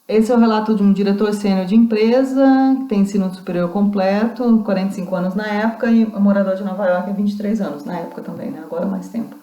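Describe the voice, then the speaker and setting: A woman lecturer talks through a recorded class with a warm, mellow voice. She explains carefully and often restarts her sentences. The room around her sounds echoey. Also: medium pitch, fast, hardly any pauses, muffled recording. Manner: explanatory, reads out quoted accounts, many restarts. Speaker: university lecturer.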